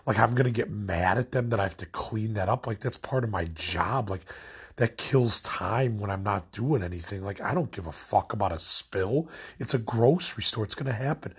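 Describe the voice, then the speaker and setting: A stoned young vlogger from Illinois speaks in a low, slightly rough voice, ranting late at night. His talk meanders casually with lots of "like" and other fillers, and his thoughts trail away unfinished.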